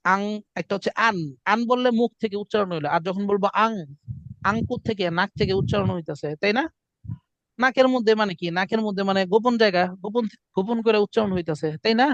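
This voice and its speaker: A high-voiced man leads a classroom lesson, drilling his students through chanted call-and-response and patient explanation. The recording is dry and muffled. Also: fast, dry recording. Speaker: Quran recitation teacher.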